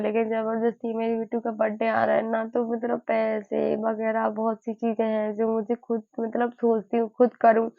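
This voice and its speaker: A woman in her early twenties sharing her grief in a personal vlog. She sounds weary and low, halts often, and repeats herself. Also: vocal fry, dry recording. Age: early 20s. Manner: halting, repeats herself, many fillers. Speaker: vlogger. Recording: dull lo-fi dry sound.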